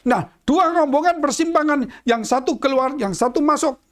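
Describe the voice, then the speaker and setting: Male pastor mid-sermon; theatrical, swings from loud to near-whisper. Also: moderate pace. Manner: dramatic swings in pitch and volume, drops to hushed tones; addresses congregation as "saudara". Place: church.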